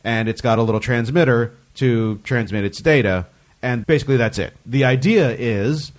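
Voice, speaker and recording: A man's voice: mid-range voice, normal speed. Joking man explaining science on a podcast. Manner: animated, jokey, explains science loosely. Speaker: podcast co-host. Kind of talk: casual comedic science chat.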